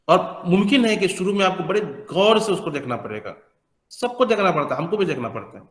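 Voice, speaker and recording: A man's voice: mid-range voice, fairly bright tone. Man teaching pronunciation in an echoey hall. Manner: explains in Hindi, mixing in English phrases; models words by repeating and contrasting them slowly. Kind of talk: lecture to students. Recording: echoey hall with long reverb.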